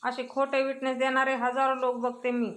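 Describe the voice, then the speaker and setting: A woman's voice: sits high, completely flat delivery, normal speed, a bit bright. A woman reading the lines of a confident young woman law student, firm and dismissive.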